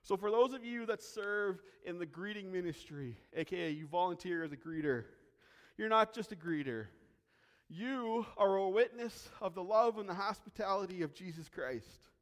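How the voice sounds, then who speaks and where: A man's voice: high voice, expressive, moderate pace. A man preaching as a pastor, earnest and emphatic, repeating key phrases for weight, from Canada. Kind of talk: sermon. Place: church sanctuary. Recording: long hall reverb.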